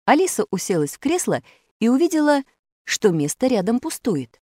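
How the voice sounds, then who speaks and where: Brief: woman storyteller, animated delivery, dry close sound. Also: fairly high pitch, normal speed, no echo. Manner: expressive, animated. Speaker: narrator. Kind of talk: storybook reading aloud.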